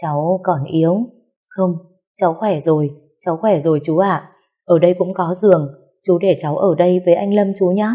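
A woman's voice: on the low side, fairly even intonation, normal speed, mellow, breathy edge. A woman voicing a heartbroken young pregnant wife who pleads tearfully in a storybook reading. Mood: pleading.

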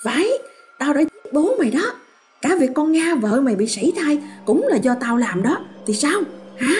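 A woman's voice: medium pitch, lively intonation, moderate pace, dark tone, soft background music, natural voice. A woman voicing a cruel, scheming old mother who wails and snarls in a storybook tale. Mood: vicious. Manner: wailing, then snarling and spiteful.

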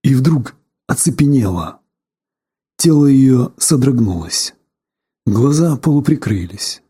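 A man's voice: medium pitch, animated, takes it slowly, dark tone, husky. A man reading a novel aloud in terse, clipped sentences, lightly voicing the characters' lines. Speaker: audiobook narrator. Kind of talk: scripted narration of a novel.

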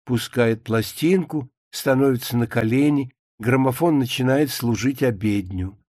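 A man's voice: medium pitch, measured pace, darkish tone, no echo. Man reading stage directions, dry. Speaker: reader. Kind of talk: dramatic reading of a play.

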